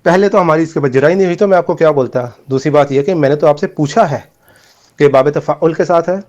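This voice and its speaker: A man's voice: a little high, darkish tone, highs cut off. A man in a heated debate over voice messages, explaining his point steadily and accusing the other side.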